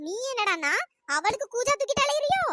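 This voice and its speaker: A performer voicing a domineering older mother-in-law who shouts and berates her daughter-in-law in a cartoon. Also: very high voice, very animated, fast, slight background noise, full character voice. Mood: scolding. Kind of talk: cartoon voice acting.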